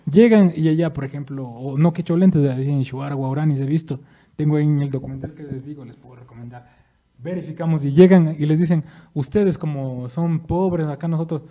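Sharp, bright-voiced Ecuadorian man. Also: on the high side, fairly quick. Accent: Ecuadorian Spanish. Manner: animated, explaining with asides. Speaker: podcast co-host. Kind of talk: casual discussion. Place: studio.

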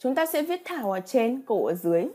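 Her voice is a little high and mellow, swinging widely in pitch and moving slightly fast. This Japanese teacher reads out example sentences in a vocabulary lesson and walks through each with patient explanations and rhetorical check-in questions.

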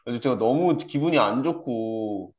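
A man's voice: mid-range voice, expressive, moderate pace, darkish tone. A young man giving a personal testimony in a conversation, repeating himself and trailing off with many fillers. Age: young adult. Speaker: guest, former church member.

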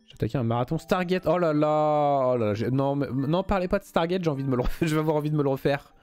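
A man's voice: on the high side, fast talker, a little mellow, clear, resonant tone, soft background music. A young man streaming a game live, reading the story aloud and chatting loosely with viewers, swearing freely.

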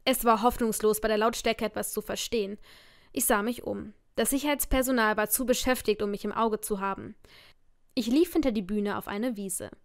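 A woman narrating a romance novel as an audiobook in the first person, with expressive storytelling. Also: mid-range voice, normal speed, no echo, studio quality.

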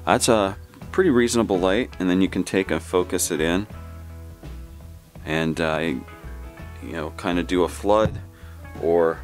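A man casually reviewing gear he unboxes at a table, talking in a halting way with many fillers. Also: low-pitched. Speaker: product reviewer. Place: indoors at a table.

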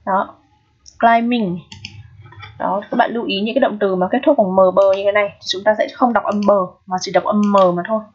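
A woman's voice: mid-range voice, fairly even intonation, fast talker, hardly any pauses, husky. A woman teacher explaining English grammar step by step, checking in with her students often. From Vietnam. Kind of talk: recorded grammar lesson. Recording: dull, lo-fi sound.

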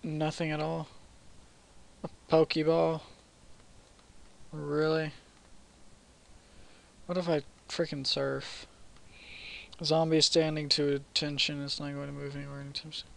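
A man talks his way through a game playthrough, chatting casually and reading the text as it comes up. His voice sits fairly high, with a gravelly, fry-laden grain. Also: level tone, unhurried, pauses often. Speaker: let's play host. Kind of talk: casual gameplay commentary.

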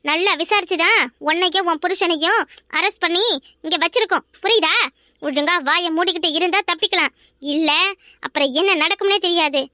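A woman's voice: very high voice, fairly quick, pushed and bright, no echo, clean studio sound. A woman voicing a furious middle-aged policewoman in a cartoon family drama, scolding a suspect harshly.

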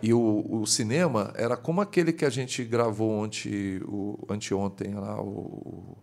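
A man, a bishop, telling a story as a guest in a podcast studio, his voice climbing high whenever he gets excited. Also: measured pace, creaky.

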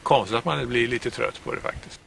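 A man in his sixties from Sweden talks through his sailing voyage in a rambling, explanatory way, filling gaps with little pauses. He is recorded outdoors on a camera mic, with steady wind and water noise clearly audible behind him. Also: medium pitch. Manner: chatty, explains at length with fillers. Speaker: sailing vlogger. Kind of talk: casual travel narration. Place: outdoors on a sailboat and shore.

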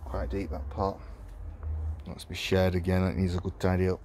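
Low-voiced guy filming his garden plot on a phone, chatty, rambling, faint outdoor noise behind. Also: monotone, moderate pace, a little mellow. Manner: chatty, rambling, chuckles often. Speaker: allotment vlogger. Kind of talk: casual walking tour commentary. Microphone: handheld phone camera.

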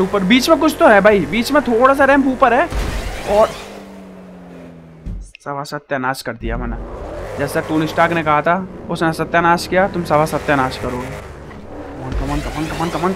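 A man giving excited live commentary on a racing game, shouting at the game and joking with his viewers. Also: high-pitched. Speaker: gaming YouTuber.

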